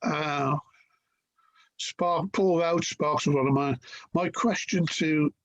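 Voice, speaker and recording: A man's voice: on the high side, slow, fairly bright tone, dry recording. A man interviewing a guest in a casual chat, asking loose, rambling questions full of fillers.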